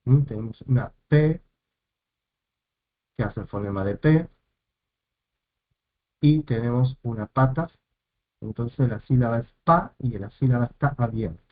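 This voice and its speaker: A man teaching a lesson step by step, slow and methodical, repeating each term as he goes. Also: mid-range voice. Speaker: Hebrew teacher. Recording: tinny phone-like sound.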